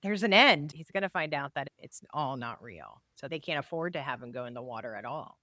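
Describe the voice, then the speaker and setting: A woman co-hosting a psychotherapy podcast, agreeing often and thinking out loud in casual chat. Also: rumbling low, animated, fairly quick, no echo, studio quality. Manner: agreeable, chimes in and muses aloud.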